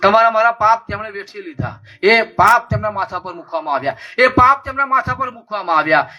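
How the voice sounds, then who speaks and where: Male preacher, high and bright, repeating lines with rising fervor, faint music bed. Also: muffled recording. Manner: impassioned, repetitive preaching cadence. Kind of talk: sermon.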